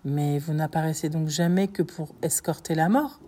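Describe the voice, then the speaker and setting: A woman's voice: sits low, normal speed, dark tone. A woman voicing a tormented middle-aged male prosecutor in an audiobook, crying out in frantic, pleading outbursts. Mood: hostile. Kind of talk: audiobook reading.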